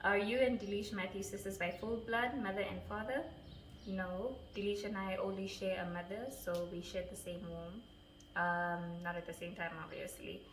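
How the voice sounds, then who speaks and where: A woman's voice: medium pitch, steady tone, normal speed. Giggly young woman reading viewer questions. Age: 20s. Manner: giggly, stumbles over names. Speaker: vlogger answering viewer questions. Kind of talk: casual Q&A chat. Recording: echoey room with faint noise.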